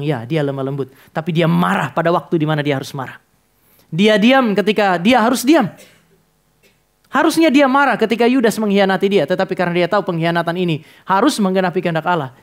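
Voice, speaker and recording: A man preaching a sermon as pastor of a church, speaking directly to the congregation and telling stories with acted-out dialogue. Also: sits high.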